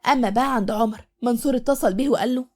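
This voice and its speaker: Fast-talking Egyptian woman storyteller. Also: fairly high pitch, a little mellow. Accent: Egyptian Arabic. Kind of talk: storybook narration.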